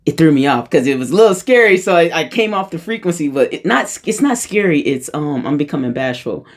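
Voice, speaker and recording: A woman's voice: lowish voice, lively intonation, brisk. A woman in her thirties telling a personal spiritual story in a casual, rambling way, full of slang and restarts. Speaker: spiritual vlogger.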